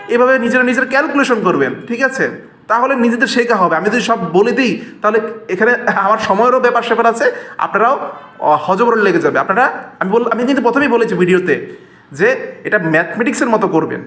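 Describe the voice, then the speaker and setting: A man with a high-pitched voice teaches a video lesson. He goes over each point more than once, restarts his sentences and keeps asking whether his viewers follow. The recording carries a noticeable room echo. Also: animated, a little fast, a bit bright. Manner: repeats points, frequent fillers and restarts, checks understanding. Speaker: Japanese language teacher.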